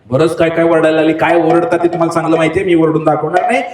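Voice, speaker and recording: A male preacher with a Marathi accent races through a long story in his sermon, slipping into the characters' voices and their cries. His voice sits high and is animated, and the hall gives the recording a roomy, echoey sound.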